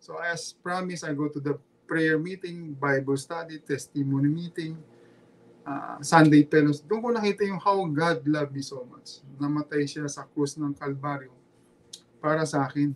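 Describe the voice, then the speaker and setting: Earnest Filipino man, high voice. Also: steady tone. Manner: earnest, halting, repeats himself, mixes Tagalog and English. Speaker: former pro basketball player, guest. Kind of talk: casual podcast interview, personal testimony.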